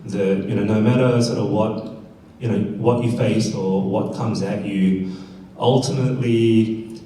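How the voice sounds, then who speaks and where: A low-voiced man with South Korean and then Australian roots tells personal stories off the cuff while reflecting at a community fireside chat. His tone is steady and warm, his pace measured. He's on stage in an echoey indoor room, recorded from a distance with faint noise.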